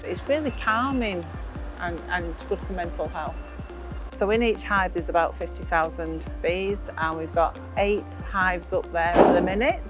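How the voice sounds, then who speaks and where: A middle-aged woman, a beekeeper being interviewed outdoors, talking in an earnest, animated way. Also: on the low side, measured pace, over loud music. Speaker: volunteer beekeeper. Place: outdoors, garden. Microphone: lapel.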